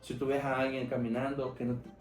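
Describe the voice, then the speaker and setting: A man's voice: mid-range voice, level tone, brisk, a little mellow, reverberant. A young Salvadoran man, an English teacher and former call center agent, telling frank anecdotes with lots of fillers in a casual interview. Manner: frank, anecdotal, heavy on fillers like "este" and "¿verdad?".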